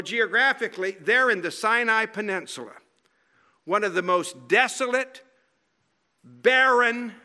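Male preacher, high and bright, slow dramatic delivery, sinks to a soft hush for emphasis. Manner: dramatic, animated storytelling with rhetorical questions; drops to a quiet, slow, low voice for emphasis. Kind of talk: sermon.

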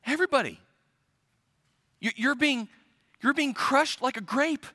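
A sarcastic, eye-rolling fisherman, fed up and condescending, sighing at the crowd, as a preacher puts him on. His pitch climbs high and the voice stays bright. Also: unhurried, dry recording, clean studio sound, full character voice. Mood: exasperated. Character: exasperated male fisherman apostle, condescending.

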